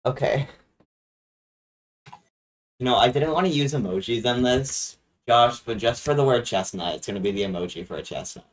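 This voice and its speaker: A young adult streamer chatting casually on a livestream, halting with frequent restarts and joking in a deadpan way. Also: medium pitch, low-quality recording.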